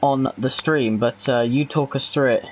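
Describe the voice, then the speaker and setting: A man's voice: mid-range voice, fairly even intonation, normal speed, low-quality recording. A man presenting live motorsport commentary in a conversational style. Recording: clear background noise.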